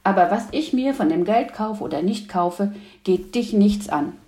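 Eager, stubborn boy, loud and emphatic, put on by a woman reading aloud; roomy sound. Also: medium pitch, animated, a little slow, natural voice.

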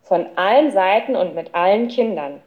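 A woman's voice: mid-range voice, animated, moderate pace, phone-quality sound, natural voice. A woman reading an audiobook, voicing a determined boy detective laying out a plan. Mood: earnest.

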